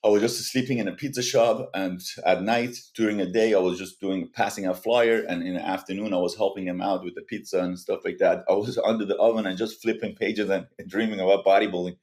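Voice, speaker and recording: Low-voiced Iranian-born man telling his story. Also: steady tone, darkish tone. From Iran. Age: 40s. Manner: earnest, halting, with frequent restarts. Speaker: guest. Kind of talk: personal story in a podcast interview.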